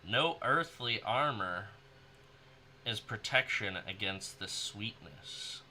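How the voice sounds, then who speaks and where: A man reading card flavor text aloud in a soft, ethereal, dreamy hushed voice. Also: lowish voice, lively intonation, slow pace, slight background noise. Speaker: card game hobbyist.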